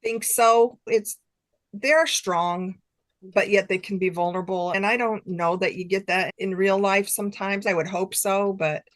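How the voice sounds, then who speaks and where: A middle-aged woman, a guest author, chats casually in an interview with a self-deprecating manner and chuckles between her remarks. Her mid-range voice is fairly even in intonation and unhurried, with no room sound.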